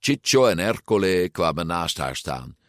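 A man reading a children's story aloud, slow and animated, giving each character a voice. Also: low-pitched, no room sound, studio quality. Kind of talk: storybook read-aloud narration.

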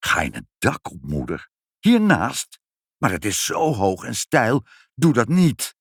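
A man's voice: fairly low pitch, huge pitch swings, slow, gravelly, breathy edge, dry recording, clean studio sound, heavily acted. A man voicing an anxious little girl who pleads in a raised, plaintive voice. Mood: eager.

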